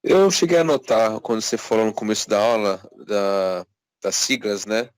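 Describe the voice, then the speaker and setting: Low-voiced Brazilian student, dry sound. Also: male voice, moderate pace, clean tone, dry recording. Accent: Brazilian Portuguese. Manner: careful, checking his notes. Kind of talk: asking a question in class.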